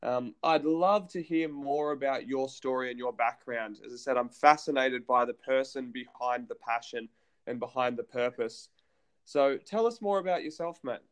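A man's voice: medium pitch, normal speed, smooth. A man hosting a podcast, asking questions in a friendly way and calling his guest "mate". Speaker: podcast host. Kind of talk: interview questions.

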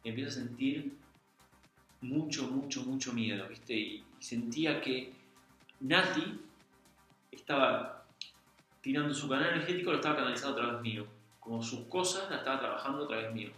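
A man's voice: mid-range voice, moderate pace, bright, forceful tone. A young man with an Argentine accent telling a personal story in an earnest, confiding, colloquial way. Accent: Argentine Spanish. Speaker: guest. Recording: very echoey room, faint music.

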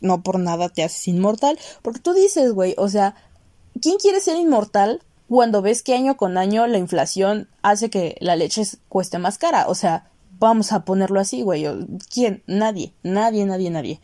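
Young woman, Mexican accent, casual vlog rant, swearing, animated outbursts, mellow dark tone, dry close sound. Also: normal speed, no echo. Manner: animated, ranting, swearing, with sudden high outbursts. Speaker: series reviewer.

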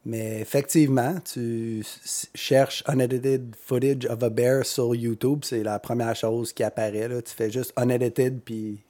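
A Québécois man co-hosts a podcast in relaxed chat. His voice is warm and mellow at a middle pitch, and his remarks come out dry and teasing. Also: a little slow, hardly any pauses. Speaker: podcast co-host.

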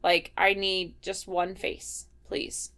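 A woman's voice: lowish voice, takes it slowly. A young woman with a Midwestern accent, co-hosting a podcast in casual chat, rambling with lots of "like" fillers. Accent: Midwestern American. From US Midwest, Ohio. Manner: rambling, heavy "like" fillers, animated. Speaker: podcast co-host.

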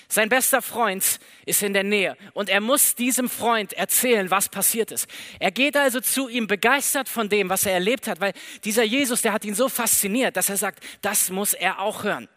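A man preaching a sermon in a lively, conversational way, acting out the dialogue of the story as he tells it. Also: high-pitched. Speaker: pastor.

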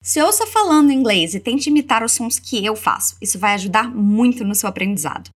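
A Brazilian woman teaching English, modelling phrases slowly for learners to repeat. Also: on the high side, lively intonation. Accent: Brazilian Portuguese. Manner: slow, deliberate model pronunciation. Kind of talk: language lesson with repeat-after-me drills.

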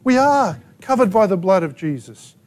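An Australian man preaching a sermon to his congregation, emphatic and full of rhetorical questions and sharp asides. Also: high-pitched, big pitch swings, moderate pace. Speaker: pastor. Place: church gathering in a rented hall.

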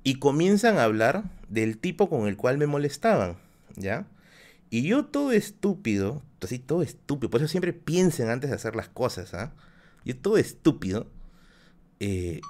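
A man's voice: mid-range voice, darkish tone. A man with a Peruvian accent telling a story on a live stream in a casual, slangy, self-mocking way. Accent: Peruvian Spanish. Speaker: livestreamer telling stories.

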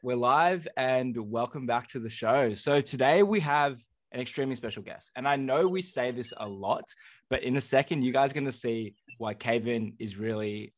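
A man's voice: mid-range voice, moderate pace. A man co-hosting a podcast talks in a friendly, chatty way with a middle-range voice. He uses a few fillers as he welcomes a guest and asks him questions. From Australia. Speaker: podcast co-host. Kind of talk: casual interview chat.

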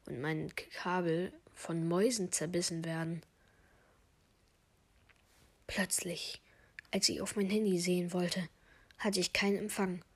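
A woman's voice: fairly low pitch, breathy edge. A woman telling a first-person story, reading it aloud and dropping to a whisper at tense moments. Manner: reads along, drops to a whisper at tense moments.

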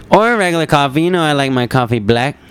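A man's voice: fairly high pitch, expressive, normal speed, a bit bright, clean tone. A man hosting a podcast in casual chat, joking and rambling, correcting himself, with a cough. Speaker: podcast host.

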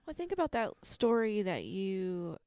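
A woman's voice: mid-range voice, very animated, measured pace, a little mellow, no room sound. A woman co-host with a mid-range voice chats casually and prompts a story on a faith podcast. The recording is dry and close-miked.

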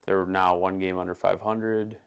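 A man's voice: low voice, level tone, gravelly, clear, resonant tone, dull audio. A man co-hosting a podcast, chatting casually about sports with blunt, opinionated takes. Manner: blunt, opinionated, quick reactions. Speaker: podcast co-host.

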